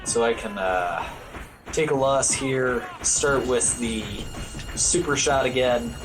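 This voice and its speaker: Loud video game music backs a slow-talking man with a medium-pitched voice as he casually commentates his own speedrun, offering wry, understated jokes.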